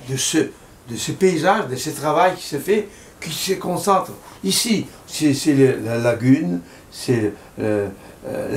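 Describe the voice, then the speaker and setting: An older Italian painter, speaking French with an Italian accent in a medium-pitched voice, looks back on his life and his paintings. His reflective monologue comes out halting and heartfelt, and he stumbles over repeated words, with a roomy echo around him.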